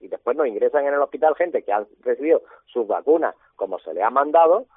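A husky-voiced man talks about his hospital work over a thin, tinny phone line. He sounds indignant and keeps throwing out pointed rhetorical questions. The line is dry, with no room sound. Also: medium pitch, expressive, fast talker, no room sound. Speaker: hospital doctor. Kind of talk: radio phone interview.

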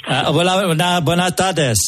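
A man playing an anxious immigrant shopkeeper on a prank phone call, speaking broken Spanish with a foreign accent, halting and insistently repetitive. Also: high voice, fairly bright tone. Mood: polite, halting. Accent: foreign, non-native Spanish. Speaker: prank caller.

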